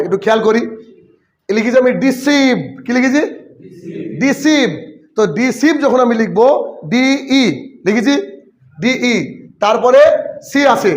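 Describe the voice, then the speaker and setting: Male teacher, very high pitch, drills spelling rules in question-and-answer style. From West Bengal, India. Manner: repeats questions to students and answers them himself. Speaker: English teacher. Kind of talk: exam-prep spelling lesson.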